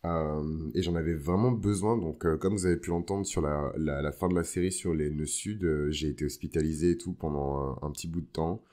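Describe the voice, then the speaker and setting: A man's voice: rumbling low, fairly even intonation, a little fast, few pauses, warm tone. A man hosting an astrology podcast as a casual, informal monologue, dropping bits of English slang into his talk. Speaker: podcast host.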